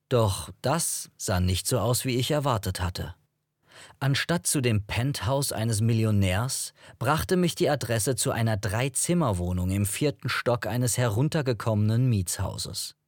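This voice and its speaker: A man reading a first-person novel as an audiobook narrator, in an even, measured storytelling manner. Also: mid-range voice, no room sound, studio quality.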